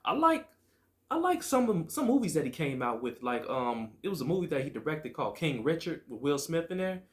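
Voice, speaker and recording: A man hosting his own show, giving a casual, chatty film review in a relaxed way. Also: medium pitch, fairly quick. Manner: relaxed, chatty, upbeat greeting. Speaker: movie reviewer, host.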